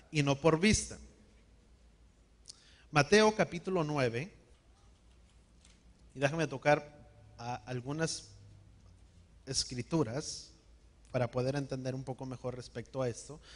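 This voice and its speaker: A man preaching a sermon, calling on the congregation to repeat words after him and slowing down to stress key words. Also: fairly high pitch, a bit bright. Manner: call-and-response, has the congregation repeat words. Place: church hall.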